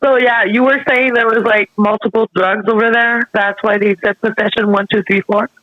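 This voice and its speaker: A woman caller with a French accent, a native French speaker, chatting casually in a hesitant, halting way. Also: fairly high pitch, steady tone, no echo. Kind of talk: casual chat. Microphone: call-in connection. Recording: dull lo-fi call audio.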